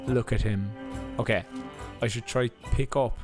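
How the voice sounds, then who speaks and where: A young man gives easygoing running commentary over his gameplay, chatting away and often circling back to fix what he said. His voice sits at an everyday middle pitch. Faint game music plays underneath. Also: fairly even intonation, unhurried. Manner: chatty, rambling, self-correcting. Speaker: let's play host.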